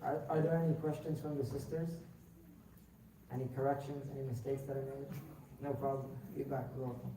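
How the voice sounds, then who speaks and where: In a large, very echoey mosque hall, a young Pakistani-born man raised in the United States answers interview questions about himself as an imam candidate. His mid-range voice moves fairly quickly in a relaxed, rambling way, full of fillers and restarts. The distant mic also picks up faint noise.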